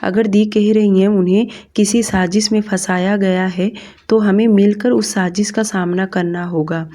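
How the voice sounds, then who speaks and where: A loyal younger sister stands up for her elder sibling, read by a woman narrator. She speaks earnestly and firmly, in a soft, mellow voice. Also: medium pitch, fairly even intonation, moderate pace, close to an everyday voice. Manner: earnest, insistent.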